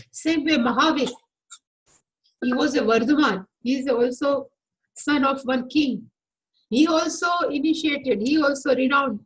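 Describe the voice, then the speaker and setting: Slow, high-voiced woman teaching scripture. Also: poor audio. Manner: deliberate, explanatory, glosses Sanskrit terms. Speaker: spiritual teacher. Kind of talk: scripture lecture.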